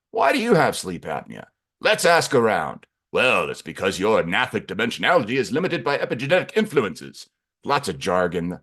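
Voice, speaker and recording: Animated man giving a lecture. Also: mid-range voice, gravelly. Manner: animated, playful, acting out voices. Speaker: clinician presenter. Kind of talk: webinar lecture.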